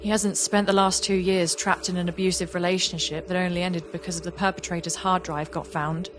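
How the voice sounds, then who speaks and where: In an audio play, a woman plays a young artist, speaking earnestly and confessionally with a reflective, candid mood. Her natural voice is fairly low, flat and brisk, with some background noise. The character is warm and reflective, wistful about an old friend, across monologue and dialogue.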